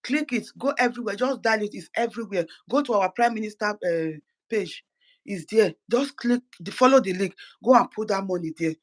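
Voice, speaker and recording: A fairly quick, mid-range voice carries an activist's fervent political address, full of repeated words and restarted phrases. The recording quality is low.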